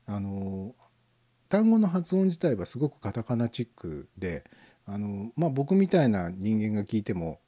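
A man hosting a live internet radio show, musing aloud in a casual, rambling way and chuckling softly as he reads out listener comments. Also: fairly low pitch. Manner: rambling, musing, frequent fillers and soft chuckles.

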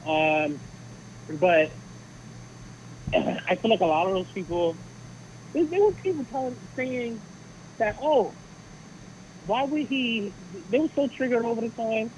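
A man's voice: sits high, lively intonation, moderate pace, darkish tone, a little hiss or hum, rough recording. A man giving his opinions in a casual podcast chat, often repeating words as he works toward his point.

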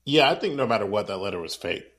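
A man's voice: lowish voice, expressive, fast, background noise. A man hosting a casual film discussion, rambling and drifting into tangents.

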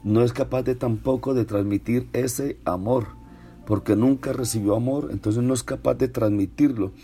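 A man's voice: mid-range voice, steady tone, moderate pace. A man preaching a sermon in an earnest manner, repeating words for emphasis. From Colombia. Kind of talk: radio-style sermon. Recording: soft guitar music behind. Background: faint guitar music.

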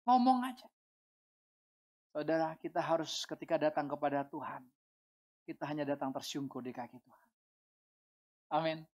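A woman pastor preaching a sermon, animated and rising to shouts for emphasis. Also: low voice.

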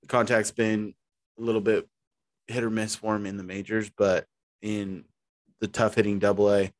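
A man's voice: fairly low pitch, level tone, moderate pace, no echo. A man co-hosting a podcast, chatting casually about baseball in a rambling, easygoing way. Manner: rambling, easygoing, restarts mid-sentence. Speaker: podcast co-host. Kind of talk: casual sports chat.

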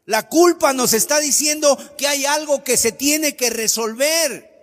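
A man's voice: very high-pitched, unhurried, a bit bright. A man preaching a sermon with an emphatic, sing-song cadence. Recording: long hall reverb.

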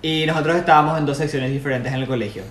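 A young man with a Paraguayan Spanish accent, a podcast guest chatting casually and telling a story with animated laughter. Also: on the high side, quick pace, roomy sound, a loud crowd. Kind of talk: casual chat.

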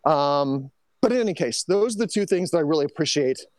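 A man co-hosting a casual podcast chat, giving an animated, opinionated rant with quick asides. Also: fairly high pitch, dry recording. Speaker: podcast co-host.

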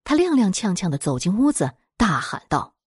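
A woman narrating a scripted horror story in a dramatic, expressive storytelling manner. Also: medium pitch, normal speed, breathy edge, no echo, clean studio sound.

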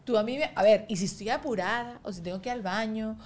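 A woman chatting casually on a podcast, rapid and self-deprecating. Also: on the high side, darkish tone. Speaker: podcast co-host. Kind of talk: casual chat.

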